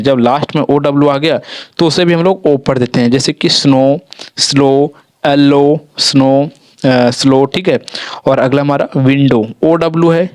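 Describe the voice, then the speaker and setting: Male teacher, mid-pitched, dry close sound, steady explainer who repeats rules and checks in often. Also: dry recording. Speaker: English pronunciation teacher. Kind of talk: explanatory lesson.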